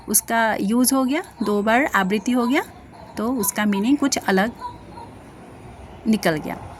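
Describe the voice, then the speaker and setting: Speaking fairly high with slight hiss or hum on the recording, a female Hindi teacher covers grammar notes in a lecture. Each example gets explained, fillers are frequent, and she repeatedly checks in with "ठीक है ना".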